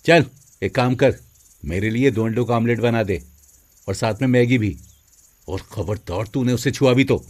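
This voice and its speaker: Man as a husky, bullying elder brother. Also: mid-range voice, normal speed, long pauses, a little mellow, lightly acted. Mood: scolding. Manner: scolding, commanding. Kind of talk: animated moral story acting.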